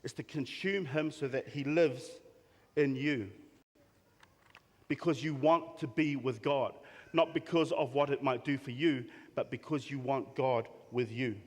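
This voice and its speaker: A man's voice: medium pitch, steady tone. Earnest male pastor in a reverberant hall. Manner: earnest preaching with pauses and repeated phrases. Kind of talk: sermon. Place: church hall.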